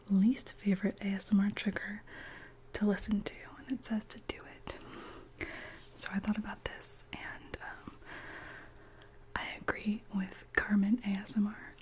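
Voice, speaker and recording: A woman hosts a whispered ASMR chat, her voice a soft unvoiced whisper throughout. She talks slowly and evenly, with little rise and fall. Gentle pauses and soft fillers fill the gaps between her thoughts. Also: mid-range voice, flat delivery. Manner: slow, gentle, with many soft ums. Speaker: ASMR channel host.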